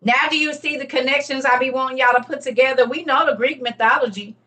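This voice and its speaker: An online teacher on religion and history, this woman speaks in a high, pushed, bright voice at a quick pace, picked up by a distant mic. She gives her viewers an emphatic, repetitive casual lecture, teaching as she reads.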